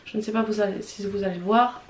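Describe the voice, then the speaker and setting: Speaking at a quick pace with a medium pitch and steady tone, a young woman with a Swiss French accent vlogs a casual unboxing and try-on. She's congested from a cold and talks frankly but hesitantly, often restarting and using fillers. Faint background noise sits in a roomy space.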